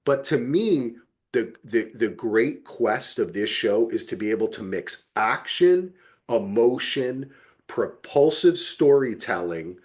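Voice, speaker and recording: A podcast co-host chats casually about reviews in a somewhat husky voice whose pitch swings up and down lively. He speaks slowly and with emphatic, opinionated conviction, swearing freely.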